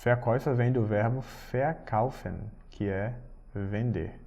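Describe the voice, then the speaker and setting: A man teaching German, explaining patiently and reading German phrases slowly. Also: medium pitch, dark tone, highs cut off. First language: Portuguese. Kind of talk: recorded language lesson.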